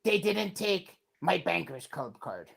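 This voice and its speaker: A podcast host putting on the voice of a boastful middle-aged man who used to be a high roller, gruff and mumbling. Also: big pitch swings, slow, a bit bright, full character voice. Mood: grumbling.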